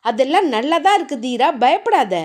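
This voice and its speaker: A woman's voice: high-pitched, big pitch swings, a little fast, a little mellow. A woman voicing an elderly grandfather who reassures and hesitates, in a novel reading. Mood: reassuring. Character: calm elderly grandfather, soothing.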